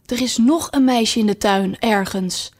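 A woman's voice: fairly high pitch, measured pace. A woman reading aloud voices a polite, curious young girl in a storybook. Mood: eager. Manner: eager and inquisitive.

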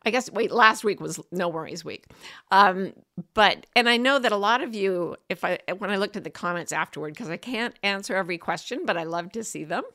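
A woman's voice: medium pitch, expressive, brisk, bright, forceful tone. Chatty woman hosting a casual talk. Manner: chatty, informal, addresses listeners familiarly. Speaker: host of a weekly broadcast. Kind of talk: casual personal talk to an online audience.

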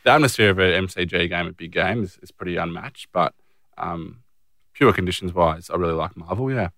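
A man's voice: low-pitched, fairly quick, a bit bright, no echo. A young Australian man co-hosting a podcast in casual chat, dry and teasing, earnest at times. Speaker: podcast co-host, footballer.

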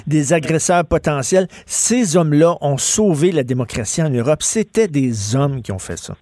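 A man hosts a talk radio show, speaking. He talks emphatically and with strong opinions in a somewhat high voice. The studio sound is dry and close. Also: lively intonation, normal speed, warm tone, no room sound. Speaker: radio host.

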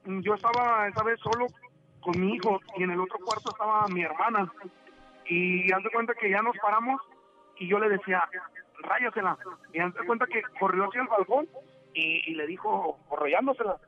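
A man in his forties rambles through a ghost story as a radio caller. He stumbles and restarts often. His fairly high voice comes through a thin, tinny phone line with faint music behind it. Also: normal speed. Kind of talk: telling a ghost story on a call-in show. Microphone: telephone.

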